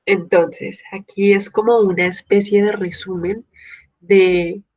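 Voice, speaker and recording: A woman teaches a grammar class at an unhurried pace. She explains patiently, one step at a time, building her points from examples. The audio is dull and lo-fi. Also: mid-range voice, steady tone, darkish tone. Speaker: Spanish teacher. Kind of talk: online grammar lesson.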